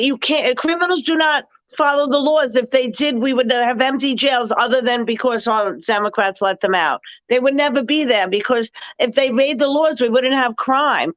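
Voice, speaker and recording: Indignant woman co-host with a high voice, slightly lo-fi recording. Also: fairly bright tone. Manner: indignant, rapid-fire, rambling. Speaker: talk show co-host. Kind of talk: political talk show chat.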